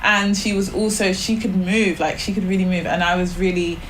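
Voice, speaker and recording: A woman's voice: fairly low pitch, steady tone, brisk, a little hiss or hum, poor audio. A woman from Barbados, a podcast guest, talking casually and rambling, with lots of "like" fillers. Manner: chatty, many "like" fillers, rambling. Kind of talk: casual spiritual chat.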